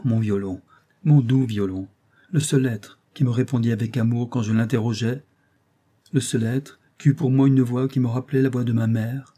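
A timid, grieving orphan boy violinist from a storybook, pouring out his sorrow in an emphatic, lamenting voice, as a man reading the tale puts him on. The tone is dark and a little husky. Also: medium pitch, close to an everyday voice.

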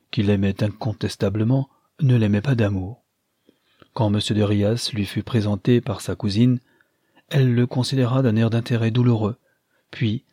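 A man narrating a classic novel as an audiobook, measured and expressive. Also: lowish voice, breathy edge, dry recording, studio quality.

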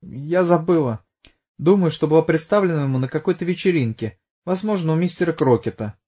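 Male narrator doing a defensive young woman, high-pitched, evasive and hesitant, audiobook. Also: fairly quick, warm tone, husky. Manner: evasive, hesitant, bursts out angrily.

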